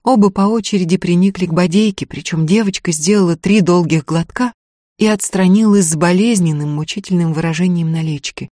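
A woman reading a novel aloud in an even, measured storytelling voice. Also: lowish voice, no room sound, clean studio sound. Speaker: audiobook narrator. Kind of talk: scripted narration of a novel.

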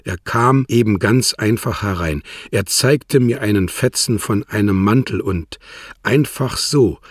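A man's voice: on the low side, measured pace, no room sound, studio quality, pitched above the performer's own voice. A man reading aloud in an audiobook, voicing a distraught, desperate young woman in a strained, pleading voice.

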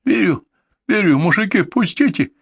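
A man voicing a terrified drunken brawler who stammers and begs in a shrill voice, in an audiobook. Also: expressive, moderate pace, creaky, a bit bright, slightly rough, no room sound, heavily acted. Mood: panicked pleading.

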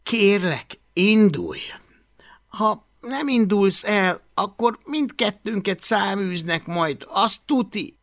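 A man playing an anxious, exasperated young viking boy who pleads and yells. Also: high voice, lively intonation, no room sound, clean studio sound, pitched above the performer's own voice. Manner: nervous, pleading, then yelling.

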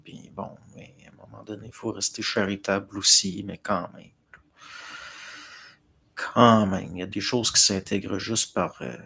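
Gravelly Québécois man chatting. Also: on the low side, a bit bright. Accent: Québécois French. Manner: hesitant, many fillers and restarts, talking to chat. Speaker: livestream host answering viewer comments. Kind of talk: casual rambling chat.

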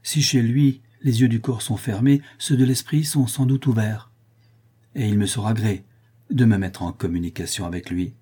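A man's voice: lowish voice, steady tone, moderate pace, warm tone, slightly rough. A man voicing a grave, pretentious mad scholar in an audiobook, speaking in a lecturing, self-important way. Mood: solemn. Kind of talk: audiobook character voice.

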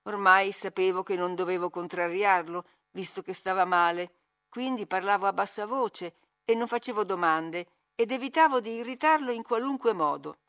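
A woman narrating a classic novel as an audiobook reader, measured and expressive. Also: medium pitch.

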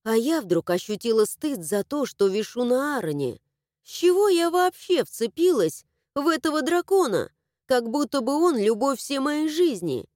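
A woman narrating a first-person fantasy audiobook with a lively, swooping, fairly high voice. Her tone is mellow and warm, and the read is dry and close to the mic. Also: normal speed, dry recording. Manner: expressive, animated storytelling.

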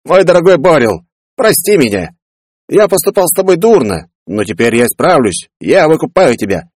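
Man voicing a greedy loudmouth brother, high and brash, all over the place, boastful. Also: big pitch swings, moderate pace. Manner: loud, wheedling and boastful.

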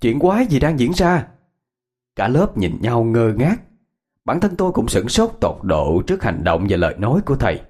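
A man narrating a first-person horror story in a tense, dramatic manner, slowing for suspense. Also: mid-range voice, big pitch swings, darkish tone, breathy edge.

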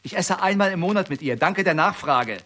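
An actor playing a middle-aged older brother, bitter and sarcastic, in a radio play. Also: male voice, high voice, expressive, fairly quick, pushed and bright, full character voice. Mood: bitter sarcasm. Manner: sarcastic, accusing.

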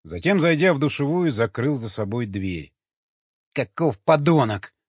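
Husky male audiobook narrator. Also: medium pitch, sing-song, normal speed, no room sound. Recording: dull lo-fi recording.

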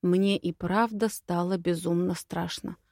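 A woman narrating a fantasy audiobook in the first person with a lively, expressive reading. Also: fairly low pitch, a little slow, dry recording, studio quality.

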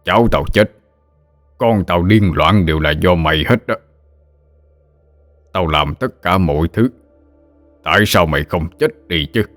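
A man's voice: deep voice, lively intonation, moderate pace, long pauses, soft background music. A man voicing a furious old exorcist father-in-law who scolds harshly and bitterly.

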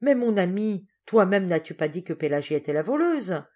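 A woman reading the part of an anxious, quick-tempered father, in an excitable, exclamatory way. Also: on the low side, voice pushed up. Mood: relieved.

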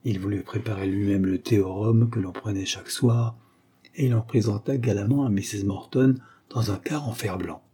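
A man narrating an old adventure novel in a measured storytelling manner. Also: on the low side, steady tone, warm tone, husky. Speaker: audiobook narrator. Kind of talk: reading a 19th-century adventure novel.

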